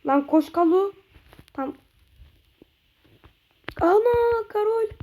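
A woman streaming a football video game, reacting excitedly, shouting at her players and drawing out goal calls. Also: extremely high pitch, drawn-out words. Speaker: gameplay streamer. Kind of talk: live football game commentary.

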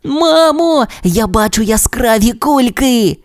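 A narrator voicing an excitable little male corgi puppy in a storybook, asking eager, high questions. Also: normal speed, no room sound, clean studio sound, lightly acted. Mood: excited. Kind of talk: storybook character voice.

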